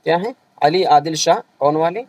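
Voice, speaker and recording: A man teaching an online revision lecture for a language exam, explaining patiently and repeating each point, often pausing to check that the students are following. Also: on the high side, darkish tone, dry recording, rough recording. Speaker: Urdu exam-prep teacher.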